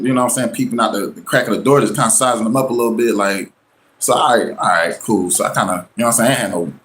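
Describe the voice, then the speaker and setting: Slangy man telling a wild story. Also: slight background noise. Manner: slangy, loose, full of "you know what I'm saying"; acts out quoted people with jumps in pitch. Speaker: show host. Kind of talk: casual storytelling to camera.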